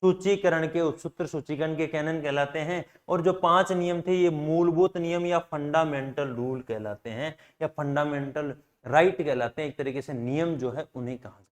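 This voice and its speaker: Male lecturer, slightly higher pitch, repetitive drilling, rhetorical questions. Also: moderate pace. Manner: repeats questions and answers them himself; drills points with "remember this". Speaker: library science teacher. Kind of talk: classroom lecture.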